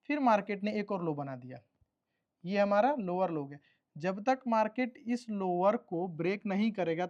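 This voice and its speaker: A man's voice: sits high, darkish tone, lo-fi sound. A man teaching a trading course, walking through a chart step by step, repeating terms and checking that listeners follow. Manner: repetitive teacherly explaining, checks understanding. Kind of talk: explaining a chart in a recorded lesson.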